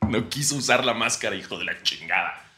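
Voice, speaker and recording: Bright, lively Mexican guy joking around. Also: on the low side, brisk, a little hiss or hum. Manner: jokey, laughs a lot, bursts into loud mock shouting. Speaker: podcast co-host. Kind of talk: casual comedic chat.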